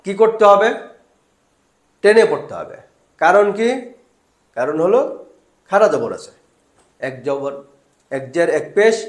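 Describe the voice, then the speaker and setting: A man's voice: high-pitched, roomy sound. A man teaching Quran reading step by step, asking questions, answering them himself and drawing out syllables. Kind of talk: step-by-step lesson.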